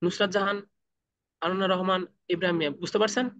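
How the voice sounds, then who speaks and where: A man teaching freelancers in an online class, asking the class questions and then answering them himself, with slow, deliberate English phrases mixed in. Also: sits high, steady tone, fairly bright tone, dry recording. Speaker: freelancing trainer. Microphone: video call.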